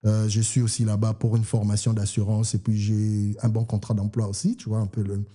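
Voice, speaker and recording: A man's voice: on the low side, a little fast, breathy edge. A young man from Canada, a guest artist in a casual podcast chat, mixing English words into his talk. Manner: relaxed, mixes in English words.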